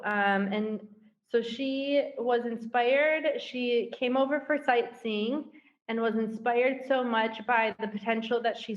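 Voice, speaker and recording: A woman's voice: on the high side, lo-fi sound. A woman from the United States, chatty and upbeat, laughing easily as a guest in a casual video-call interview.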